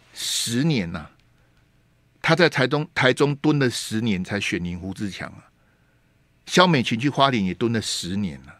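Speaking into a studio microphone in a radio studio, a man hosts a talk show with emphatic political commentary, full of rhetorical questions and peppered with Taiwanese Hokkien words in a Taiwanese Mandarin accent. His mid-range voice is a bit bright, and the sound is dry and clean.

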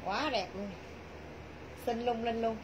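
Southern vietnamese lady doing a live clothes sale, highish voice, chatty, pretty noisy background. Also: steady tone, takes it slowly. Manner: repetitive, chatty, addressing viewers as sisters. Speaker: clothing shop livestream seller. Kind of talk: live sales pitch, casual chat. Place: small clothing shop, indoors. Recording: noisy shop livestream, clear background noise.

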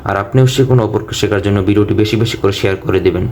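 A man teaching Quran recitation, spelling out each letter and vowel mark in short, brisk phrases and then joining them into syllables. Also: on the low side, steady tone, a little mellow, slight background noise. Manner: brisk, matter-of-fact explaining. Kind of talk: step-by-step recitation lesson.

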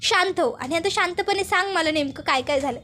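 A woman voicing a young sister-in-law who scolds and reassures firmly, in a very high voice. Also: fairly quick, sharp tone.

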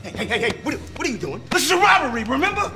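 An exasperated, pushy male bank robber from a comic ad. The voice is strained up very high and swings around, with music underneath. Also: sing-song, very fast, heavily acted. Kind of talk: comedic commercial acting.

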